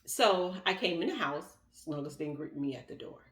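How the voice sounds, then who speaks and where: A woman vlogger telling a personal story in a casual, animated way, acting out what others said. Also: deep voice, moderate pace, recorded from a distance. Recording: echoey room, voice off-mic.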